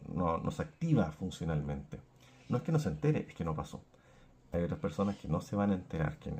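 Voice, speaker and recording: A man lectures on clinical psychology in a low, husky voice. His tone is mellow and dark, and he keeps breaking into everyday examples and small acted asides as he explains.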